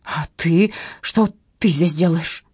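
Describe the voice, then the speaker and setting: A woman voicing a furious middle-aged mother-in-law who shouts insults loudly and slowly. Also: on the low side, husky, no echo, studio quality, full character voice. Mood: indignant. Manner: loud, slow, drawn-out shouting.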